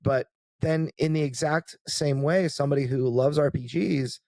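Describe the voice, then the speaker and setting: A man's voice: on the high side, steady tone, normal speed, darkish tone, no room sound, clean studio sound. A man co-hosting a podcast, chatting casually and thinking aloud with plenty of fillers. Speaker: podcast co-host.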